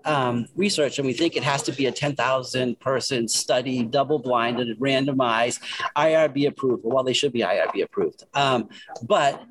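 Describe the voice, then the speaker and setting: A man's voice: medium pitch, moderate pace, fairly bright tone, slight background noise, low-quality recording. A man with a Worcester, Massachusetts accent talking in a casual panel discussion and asking the others questions.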